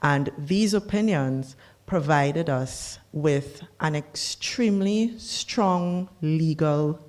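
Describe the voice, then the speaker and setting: Someone with a medium-pitched, slightly mellow voice gives a formal policy briefing on climate negotiations. The delivery is measured and deliberate, with the odd dry aside.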